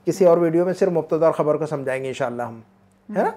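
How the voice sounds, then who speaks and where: A man teaching Arabic. He drills phrases slowly, then explains quickly. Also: a little high, warm tone. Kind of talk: one-on-one language lesson.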